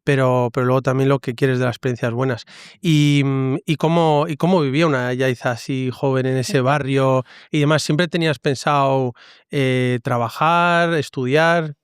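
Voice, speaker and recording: Smooth-voiced priest hosting an interview. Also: male voice, mid-range voice, steady tone, normal speed, no echo, clean studio sound. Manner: warm questioning with tag questions. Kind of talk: conversational interview.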